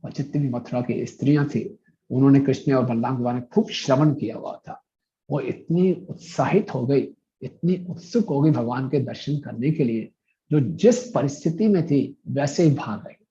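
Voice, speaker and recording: A man's voice: medium pitch, moderate pace, dark tone, highs cut off. A male preacher telling a devotional story, acting out the characters' dialogue as he goes.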